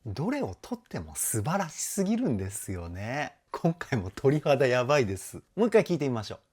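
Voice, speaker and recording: Excitable male vocal coach, very animated. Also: medium pitch, brisk, breathy edge. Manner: enthusiastic, exclaiming, explanatory. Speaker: vocal trainer. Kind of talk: song reaction and vocal analysis.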